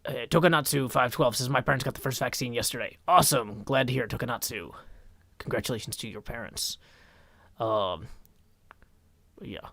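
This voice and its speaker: Male livestream host, rasping put-on character voice, rambling and chatty, mid pitch, dry close boom mic. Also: brisk, pauses often, fairly bright tone, no room sound. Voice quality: raspy, strained put-on character voice. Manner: rambling, chatty, talks to chat while working on a build. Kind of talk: casual livestream chat, reading out viewer comments. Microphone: boom microphone.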